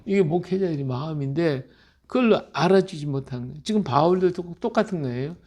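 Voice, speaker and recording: A male pastor preaches in an easy, conversational way and leans into his stories with emphasis. His voice sits somewhat high for a man and has a strong gravelly fry. He keeps pausing to ask his listeners whether they follow. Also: lively intonation, darkish tone. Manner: emphatic, storytelling, asks listeners "right?". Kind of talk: conversational Bible-reading sermon.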